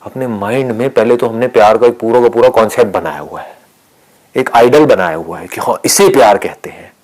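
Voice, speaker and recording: A man giving a calm spiritual discourse, speaking softly and often sinking to a whisper, asking and answering his own questions. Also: medium pitch, rough recording. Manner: calm, soft-spoken, often dropping to a whisper. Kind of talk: spiritual discourse mixing Hindi and English.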